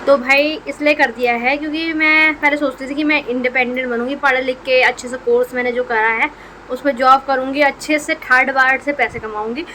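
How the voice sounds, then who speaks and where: A woman's voice: high-pitched, fairly even intonation, brisk, sharp tone, slight background noise, rough recording. A young woman vlogger in her twenties with a Hindi accent, chatting jokingly to her viewers at home. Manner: joking, chatty, addresses friends. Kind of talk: casual vlog chat.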